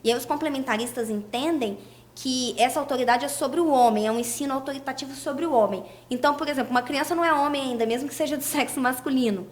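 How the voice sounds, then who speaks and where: A woman's voice: high-pitched, quick pace. A young woman, a podcast guest explaining scripture and asking rhetorical questions. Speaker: guest speaker.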